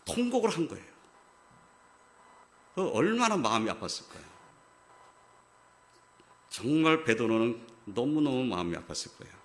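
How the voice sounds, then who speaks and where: A male pastor delivers a Sunday sermon from the pulpit of a church. His voice sits in a middle pitch, and he explains the passage step by step before pressing his key points with firm stress. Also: very animated, normal speed, pauses often. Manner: explanatory, rising to emphatic stress on key words. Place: church sanctuary.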